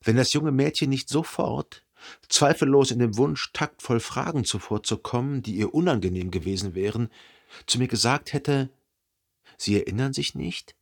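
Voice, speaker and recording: In a literary radio drama, an actor with a husky, medium-pitched voice plays a thoughtful, observant gentleman recalling his past. His narration is measured and articulate.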